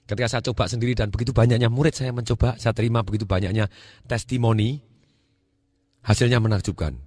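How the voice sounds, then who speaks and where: A middle-aged Indonesian man giving a motivational talk, animated, repeating words for emphasis and acting out dialogue. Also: mid-range voice, fast talker. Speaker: motivational speaker.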